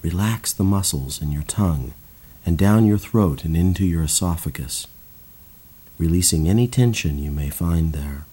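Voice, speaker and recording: A man guiding a slow, calm breathing and body relaxation exercise in a soothing voice. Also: low-pitched, husky. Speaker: meditation guide. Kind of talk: guided relaxation narration.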